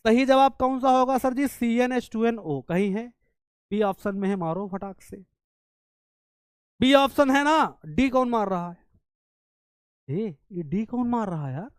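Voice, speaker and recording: Male exam-prep tutor, brisk and coaxing, clear voice, dry close mic. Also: very high-pitched, no echo. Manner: lively, scolding and coaxing, voices students' questions himself. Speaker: chemistry teacher.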